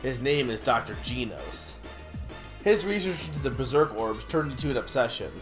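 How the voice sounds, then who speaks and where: A man's voice: mid-range voice, expressive, moderate pace, music in the background, close to an everyday voice. A man playing an earnest, pleading bird scientist from a video game, speaking with urgency as a mentor. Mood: regretful.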